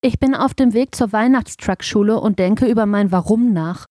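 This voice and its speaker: A woman's voice: mid-range voice, moderate pace, dark tone, no echo, studio quality, natural voice. A woman voicing a small, naive male toy truck who talks in an anxious, innocent way in an audiobook. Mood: unsure. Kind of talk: audiobook character voice.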